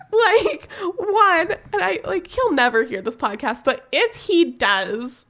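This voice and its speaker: A young woman co-hosting a podcast, telling a story casually with animated, profane, laughing energy. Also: sits high, a little slow. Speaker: podcast co-host.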